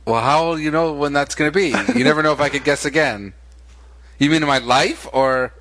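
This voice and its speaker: A man co-hosting a casual late-night podcast chat, teasing his partner with deadpan jokes. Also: on the high side, a little fast, dry recording. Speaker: podcast co-host.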